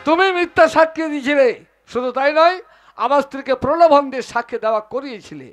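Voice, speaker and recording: A man's voice: very high voice, fast, soft background music. A man playing an angry young escaped prisoner in a rural folk stage play, declaiming accusations. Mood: accusing. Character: wronged young man escaped from jail, furious.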